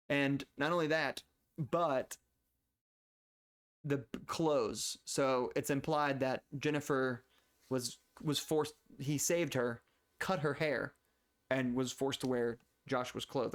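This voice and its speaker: A young man talks his way through a game as he streams it. He reads in-game letters aloud and rambles, often tripping over words and starting again. His voice sits at a middling pitch. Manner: rambling, self-correcting, stumbles over words. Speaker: gameplay streamer. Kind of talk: casual let's-play commentary and reading game text aloud.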